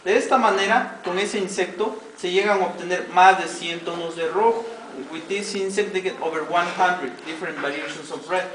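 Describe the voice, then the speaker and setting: A man's voice: sits high, moderate pace, few pauses, a bit bright. A man with a Mexican Spanish accent guiding tourists through a weaving demonstration, explaining each step in Spanish and then repeating it in English. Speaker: weaving cooperative guide. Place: weaving workshop with visitors. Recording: distant, roomy camera audio with background noise.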